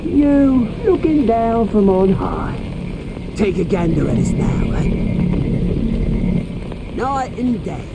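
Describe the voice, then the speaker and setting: A man's voice: sits high, very animated, takes it slowly, creaky, pauses often, exaggerated voice, rough recording. A man acting a vengeful, volatile British crime boss in a video game, theatrical, taunting and sneering. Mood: mocking, taunting. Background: loud dramatic music.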